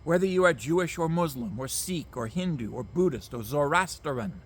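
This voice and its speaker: A man's voice: a little high, expressive, moderate pace, a little hiss or hum. A man, ranting emphatically to camera outdoors, repeating himself and swearing. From Canada. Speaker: vlogger. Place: outdoors among mosquitoes.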